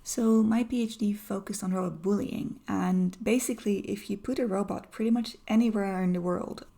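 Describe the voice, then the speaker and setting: A woman from the Netherlands, a researcher explaining studies in a lively, anecdotal conversational way with light humor. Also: mid-range voice, vocal fry.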